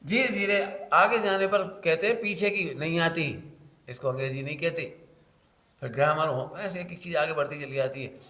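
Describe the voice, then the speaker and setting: Lively preacher man in an echoey hall. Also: on the high side, normal speed. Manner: playful teacher, acts out examples, sings short lines. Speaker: Jain preacher. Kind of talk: teaching discourse to a congregation.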